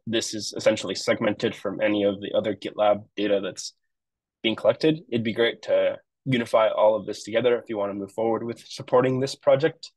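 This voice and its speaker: A man's voice: medium pitch, no room sound, low-quality recording. A man on a marketing web team giving a casual, explanatory screen-share walkthrough of a project he set up, with frequent fillers. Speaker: web developer.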